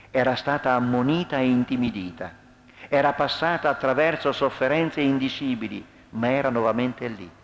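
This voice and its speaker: A man narrating a true testimony as an expressive dramatic reading. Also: mid-range voice. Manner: expressive, acts out quoted lines.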